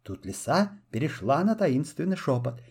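A man narrating a children's fairy tale in an expressive storytelling manner. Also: a little high, normal speed, vocal fry, slightly rough. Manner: lively, storytelling.

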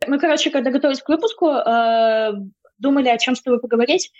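A woman's voice: high-pitched, fast, a little mellow, muffled recording, soft background music. A young woman co-hosting a casual podcast, mispronouncing her r's and talking bluntly with plenty of swearing. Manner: blunt, swears freely, interrupts. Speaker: podcast co-host.

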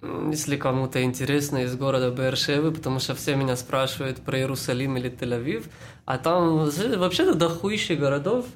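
A man's voice: mid-range voice, fairly quick, a little hiss or hum. A man in his twenties from Israel, co-hosting a casual podcast, talking bluntly with slang. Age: 20s. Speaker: podcast co-host. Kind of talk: casual chat.

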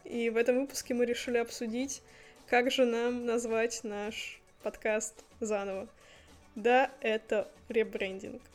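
A woman's voice: fairly high pitch, little pitch movement, a little slow, soft background music. Playful woman in her twenties. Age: 20s. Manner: playful, joking, laughs often. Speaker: podcast co-host. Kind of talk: casual chat.

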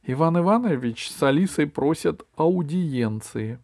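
A man's voice: fairly high pitch, animated, measured pace, a little mellow, no echo, clean studio sound, pitched above the performer's own voice. A man reading an audiobook voices a good-natured many-headed dragon who talks in a folksy, chatty way.

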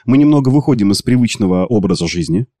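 A man's voice: on the low side, animated, quick pace, warm tone. A man hosting a jokey conversational interview, with a lisp that makes his sh sounds slushy and a playful, mock-grand, wordy manner. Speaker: host.

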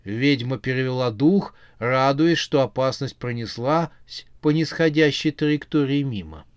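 Slow, measured male audiobook narrator. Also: mid-range voice, smooth, dry recording, studio quality. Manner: measured, unhurried storytelling.

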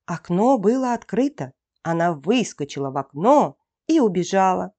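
A woman narrating a fairy tale for children in a calm, expressive storytelling voice. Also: lowish voice, moderate pace.

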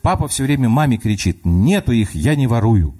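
A man's voice: mid-range voice, very animated, moderate pace, dark tone, pitched above the performer's own voice. A man voicing a small, stubborn and suspicious girl in a comic radio story. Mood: matter-of-fact. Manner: childish, wary, prim.

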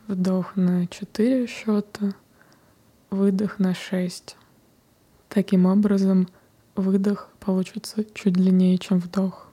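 A woman softly whispering a guided breathing meditation, counting breaths in a slow, calm way. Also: mid-range voice, slightly rough.

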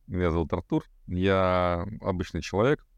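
A man's voice: deep voice, normal speed, clear, resonant tone, no room sound. A man in his thirties, a podcast guest talking casually and hesitantly, with many fillers. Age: 30s. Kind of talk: casual conversation.

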